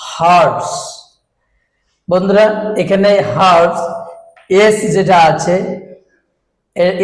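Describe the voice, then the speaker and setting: A male English tutor speaking in a high, light voice. He moves at an unhurried crawl, repeating each word several times for his viewers, whom he calls friends. His voice rings a little in an echoey room. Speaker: English teacher. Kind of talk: slow pronunciation lesson.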